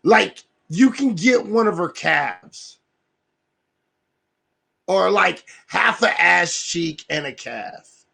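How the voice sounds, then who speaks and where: A man on his livestream talks slowly in a high, gravelly voice, rambling through a profane plan. He keeps checking in with his listeners, and a husky rasp runs under his words. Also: animated, sharp tone. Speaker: livestream host. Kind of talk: casual livestream rant.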